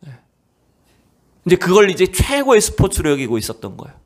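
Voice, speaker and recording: Man, pastor, church sermon, dramatic storyteller, rhetorical questions, sudden hushed whispers. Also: high-pitched, huge pitch swings, brisk. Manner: dramatic storytelling, swinging from raised exclamations to hushed near-whispers; asks the congregation rhetorical questions. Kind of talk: Wednesday evening sermon. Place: church sanctuary.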